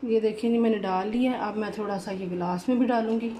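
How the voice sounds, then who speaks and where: Mellow and fairly quick, this woman's mid-range voice leads viewers through a recipe one step at a time on her cooking channel, with frequent requests to look. Dishes and utensils clatter lightly in her home kitchen, adding slight background noise.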